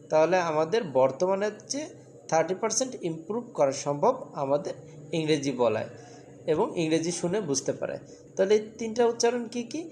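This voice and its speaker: A woman from Bangladesh leads a children's English lesson with a slightly low voice. She keeps drilling the class and fires repeated questions at them. A faint ambient hum sits behind her. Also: dark tone.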